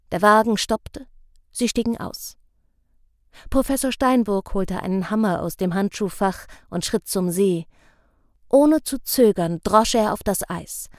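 A woman's voice: mid-range voice, no room sound. Dry-sounding woman reading a novel. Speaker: audiobook narrator. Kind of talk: scripted narration.

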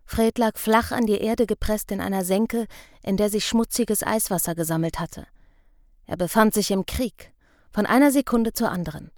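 A woman's voice: mid-range voice, no room sound. Woman narrating an audiobook, dry close sound. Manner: measured, expressive storytelling.

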